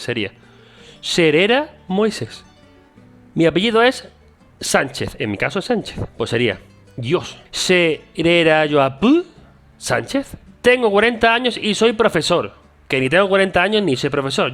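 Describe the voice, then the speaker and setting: A middle-aged man with a Spanish accent talks on his vlog in a loose, joking way, often poking fun at himself. His voice sits a little high for a man. Soft music plays faintly underneath. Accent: Spanish from Spain. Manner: joking, self-mocking, chatty. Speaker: vlogger. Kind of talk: joking casual language vlog.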